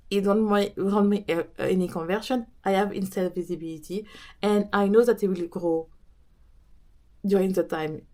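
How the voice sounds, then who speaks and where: This coach and podcast host, a woman whose native language is French and who speaks with a French accent, discusses consistency in a casual talk to camera. Her medium-pitched voice is a little mellow, with frequent pauses and restarts as she looks for words.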